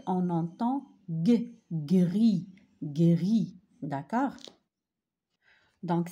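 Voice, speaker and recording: A woman teaching a remote primary-school phonics lesson, repeating each example word slowly and switching into Darija to explain. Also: medium pitch, mellow, breathy edge.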